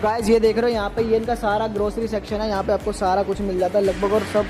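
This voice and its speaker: Fast, high-pitched man doing hard-sell shop promotion. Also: flat delivery. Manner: hard-sell pitch, repeats discounts and brands insistently. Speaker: vlog host touring a discount store. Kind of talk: promotional shop-tour commentary to camera. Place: inside a retail store. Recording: music playing behind the voice.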